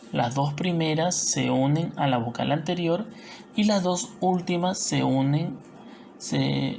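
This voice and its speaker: A Peruvian Spanish woman teaching a recorded lesson in a low, gravelly voice. She explains step by step and keeps asking whether the class is following. A faint hiss sits under the recording. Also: a little mellow. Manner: patient, explanatory, frequent tag questions.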